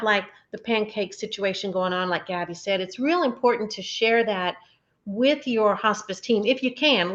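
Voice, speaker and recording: A woman's voice: mid-range voice, fairly bright tone. A woman hospice nurse giving conversational advice in a panel discussion, with slightly muffled sound. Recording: slightly dull, muffled audio.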